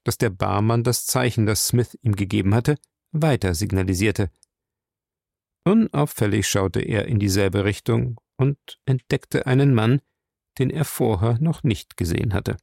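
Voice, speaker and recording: Gravelly-voiced male audiobook narrator. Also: lowish voice, a little mellow, dry recording, clean studio sound. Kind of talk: scripted narration.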